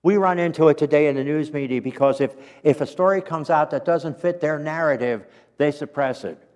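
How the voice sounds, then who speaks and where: A man teaching a Sunday school class, reading quotations aloud in an earnest, unhurried way and stopping now and then to clear his throat or correct himself. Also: on the high side, darkish tone, in a large hall. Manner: corrects himself mid-sentence. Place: church.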